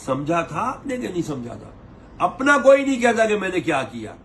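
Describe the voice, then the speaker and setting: A man's voice: high voice, very animated, fairly bright tone, a little hiss or hum. A man, a tour operator lecturing pilgrims to camera in a preachy, scolding way, mimicking their complaints. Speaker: umrah tour operator giving advice. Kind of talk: advice talk to camera.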